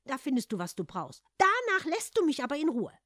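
A woman's voice: sits high, wildly swooping pitch, fairly quick, fairly bright tone, no room sound, clean studio sound, pitched above the performer's own voice, heavily acted. Woman doing a grumbling, embarrassed young man. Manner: grumbling, protesting.

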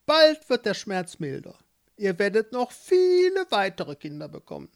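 A woman's voice: medium pitch, wildly swooping pitch, unhurried, pitched above the performer's own voice. A woman voicing a sly, smug old witch in a children's story.

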